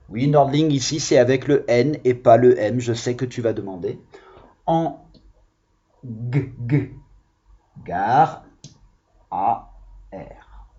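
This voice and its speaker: A man teaching young children in a recorded lesson, patient and encouraging, stretching out the key words slowly. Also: on the high side, a little mellow, slightly rough, dull audio. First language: French. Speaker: primary school teacher.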